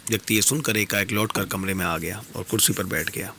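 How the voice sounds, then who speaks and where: A man performing traditional dastangoi storytelling on radio, narrating in a measured, expressive way. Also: on the low side, slight background noise.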